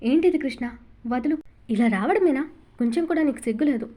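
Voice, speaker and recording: A woman's voice: high-pitched, fairly quick, warm tone. A woman voicing a shy, emotional young wife in an audiobook novel reading, speaking in an earnest, bashful manner. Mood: flustered.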